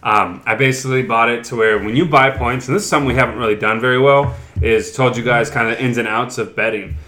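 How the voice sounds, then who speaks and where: Casual male podcast host, bright, chatty, rambles through betting talk. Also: mid-range voice, steady tone, quick pace. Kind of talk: casual sports betting chat.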